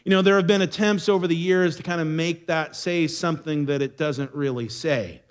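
A man's voice: on the high side, normal speed, clean tone. A man teaching a midweek Bible study in an earnest way, repeating phrases for emphasis.

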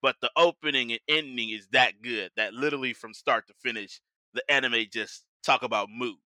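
A man's voice: mid-range voice, a little fast, pushed and bright, no room sound. An American man hosting a podcast in casual, slangy chat, with hype-man flourishes when he announces things. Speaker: podcast host.

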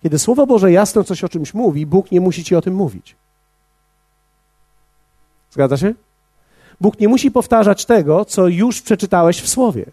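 A man preaching a sermon as pastor, measured and speaking directly to his congregation. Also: high voice, animated, mellow, husky, no room sound.

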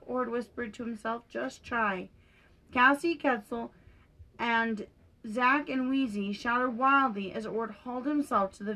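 A young woman reading a children's picture book aloud for her podcast, gentle and lightly animated, with small lifts in her voice for the characters. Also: fairly high pitch, poor audio. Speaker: podcast storyteller.

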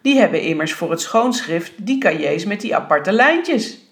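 A woman's voice: mid-range voice, very animated, normal speed. Woman reading as a male schoolteacher, practical, matter-of-fact, mildly reproachful, storybook reading.

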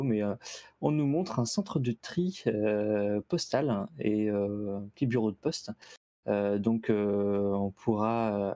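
Male co-host, low dark voice, dry close sound, hesitant and casual. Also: dry recording. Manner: hesitant, many fillers. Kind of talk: casual gaming news chat.

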